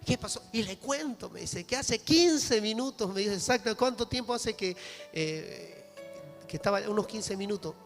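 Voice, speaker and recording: In a reverberant church hall with music playing, a male pastor with a Bolivian Spanish accent delivers a fervent sermon to his congregation. He speaks at a moderate pace in a high-sitting voice with lively intonation.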